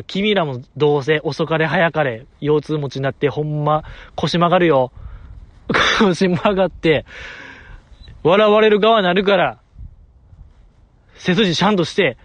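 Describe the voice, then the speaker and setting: A man's voice: a little high, no echo. A man hosting a solo podcast episode, chatting casually and joking at his own expense. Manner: joking, self-mocking, chatty. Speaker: podcast host.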